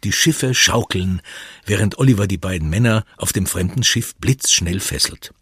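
A man reading a children's story aloud in a lively, expressive way. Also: low voice, normal speed, husky, no room sound, studio quality.

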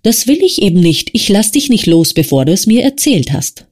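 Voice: medium pitch, very animated, brisk, darkish tone, pitched above the performer's own voice. A boisterous, strong young man who teases gleefully and will not let his friend go, as a reader plays him. His voice is playful and bossy, in a storybook reading. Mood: teasing. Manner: teasing, gleeful. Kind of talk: audiobook character voice.

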